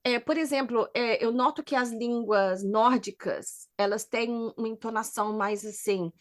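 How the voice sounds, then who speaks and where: A woman co-hosts a podcast in a casual chat, speaking at a moderate pace with a fairly high voice. She's lively, offering advice and steering the conversation from topic to topic.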